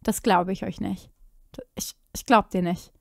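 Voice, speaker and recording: A woman streamer reacting to clips live, chatty and excitable, dropping in English exclamations. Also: medium pitch, a little slow, gravelly, no room sound, studio quality.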